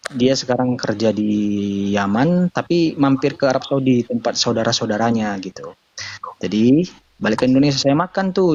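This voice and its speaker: A man's voice: medium pitch, a little mellow, dry recording, dull audio. A man speaking earnestly in a casual live-stream discussion, explaining his views at length and often addressing listeners as brothers. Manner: earnest, explanatory, repeats "saudaraku". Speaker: convert sharing views.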